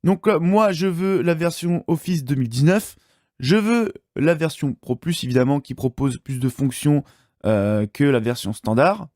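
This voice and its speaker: A man hosting a casual screen-recorded software tutorial, talking with lots of fillers and self-corrections. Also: fairly high pitch, animated, normal speed, no room sound, clean studio sound. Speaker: tutorial channel host.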